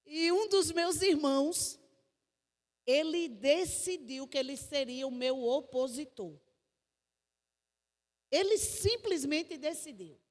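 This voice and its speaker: In a church hall with long reverb, a woman with a Northeastern Brazilian accent preaches a testimony sermon, telling her story vividly and acting out the voices she quotes. Her high voice is animated, and she takes it slowly, pausing often.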